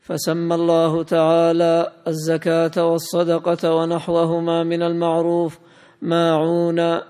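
Male student reader, somewhat high voice, steady chanting delivery, long hall reverb. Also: measured pace, clean tone. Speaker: student reading the text aloud. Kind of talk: reading a classical commentary aloud.

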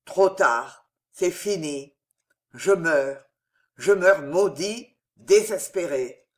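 A reader voicing a proud dying old nobleman in an audiobook, declaiming loudly with anguish. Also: mid-range voice, expressive, drawn-out words. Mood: despairing. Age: older. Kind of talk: audiobook character reading.

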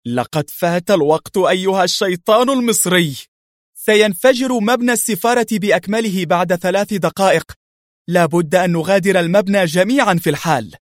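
A man voicing a panicked male enemy impostor agent who shouts frantically. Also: high-pitched, fairly quick, no room sound, studio quality, natural voice.

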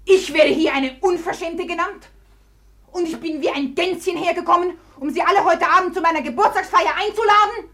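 A woman's voice: very high-pitched, fairly quick, a bit bright. An actress playing a haughty, mocking young society woman in a radio drama. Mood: indignant.

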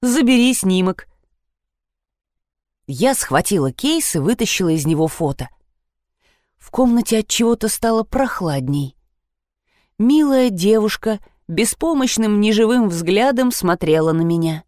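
A woman reading a first-person story aloud with an ironic, expressive delivery. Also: medium pitch, normal speed, dry recording, clean studio sound. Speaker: audiobook narrator.

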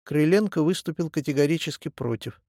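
A man narrating a book in an even, measured reading. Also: a little high, no echo, studio quality. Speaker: audiobook narrator. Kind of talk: scripted narration.

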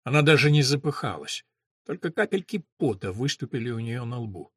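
A man's voice: medium pitch, sing-song, brisk, breathy edge, dry recording. Dry-voiced male audiobook narrator. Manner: dramatic, tense storytelling.

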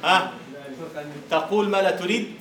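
A man lecturing on Arabic prosody in a classroom, teasing his students and slowly chanting verse syllables. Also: high-pitched, steady tone, a bit bright. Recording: roomy lecture hall echo, faint hiss.

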